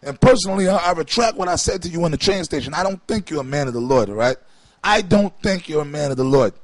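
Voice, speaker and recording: A man's voice: a little high, lively intonation, fast talker, dry recording. A man co-hosting a show, giving heated, confrontational religious commentary in a slangy, preachy way. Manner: confrontational, preachy and slangy, with repeated 'man' asides. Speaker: co-host.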